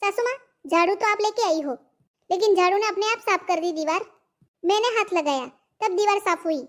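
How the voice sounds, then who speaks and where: A woman's voice: extremely high pitch, a little fast. Woman doing a sarcastic young cartoon daughter-in-law. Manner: sarcastic, talks back. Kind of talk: cartoon voice acting.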